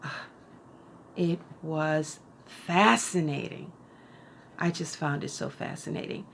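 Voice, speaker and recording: A middle-aged woman giving a casual book review, thoughtful and unhurried, with frequent fillers and restarts. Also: low-pitched, vocal fry, a bit bright. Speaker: book vlogger.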